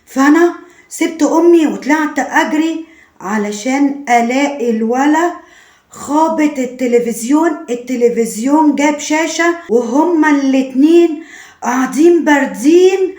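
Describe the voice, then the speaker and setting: A woman with an Egyptian accent telling a family story in the first person, emotional and lively. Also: high-pitched, normal speed. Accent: Egyptian Arabic. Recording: roomy echo.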